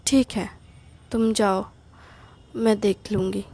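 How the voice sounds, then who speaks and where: A woman storyteller voicing a gentle, loving mother-in-law who soothes a crying young woman in a soft, tender way. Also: mid-range voice, steady tone, slow. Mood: tender, soothing.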